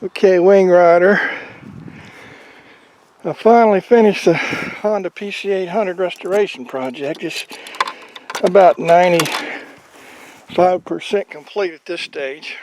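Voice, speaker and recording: A man's voice: sits high, slow pace, pauses often, darkish tone, slight background noise. A man giving a casual, rambling video update on his motorcycle project, talking in a folksy, plain-spoken way outdoors. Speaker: motorcycle vlogger. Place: outdoors on a farm.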